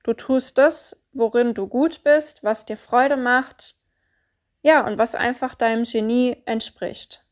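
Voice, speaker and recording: A woman giving a calm, deliberate coaching monologue, stressing points through repetition. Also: a little high. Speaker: spiritual coach.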